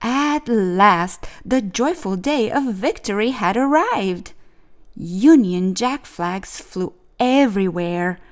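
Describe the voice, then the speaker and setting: This woman takes her time over a children's picture book, her medium-pitched narration slow, expressive and clearly phrased in true storyteller fashion.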